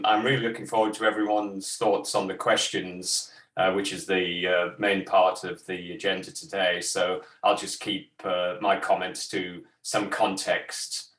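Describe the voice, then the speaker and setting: A man's voice: deep voice, fairly bright tone. A man speaking as a sector advisor over a video call, hesitant and full of ums and restarts, in an echoey room far from his mic. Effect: heard over a video call.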